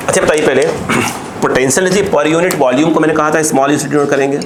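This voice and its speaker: A man teaches physics to a class, his voice sitting a little high. He dictates problems slowly, then explains in a quick, chatty way. A faint room noise runs underneath. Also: fairly even intonation. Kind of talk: classroom lecture.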